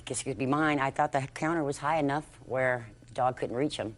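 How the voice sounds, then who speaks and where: Very deep-voiced older woman, meek and halting. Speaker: plaintiff in a TV court case.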